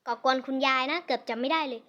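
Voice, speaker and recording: A woman's voice: sits high, quick pace, dull audio, background noise. A woman hosting a gaming channel, chatting playfully through a let's-play with self-mocking asides.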